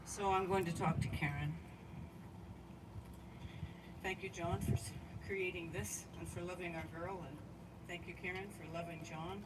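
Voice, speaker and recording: A woman's voice: fairly low pitch, fairly even intonation, normal speed. Heartfelt woman giving a eulogy from afar. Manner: heartfelt, speaks straight to the departed friend. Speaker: eulogy speaker. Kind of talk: memorial eulogy. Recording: distant mic with outdoor noise.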